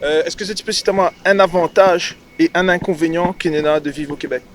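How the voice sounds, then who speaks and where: A man's voice: on the high side, fairly even intonation, slight background noise. A man from Réunion with a Réunionnais French accent, interviewing a family in a playful, teasing way. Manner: playful, teasing, quick questions. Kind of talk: casual interview.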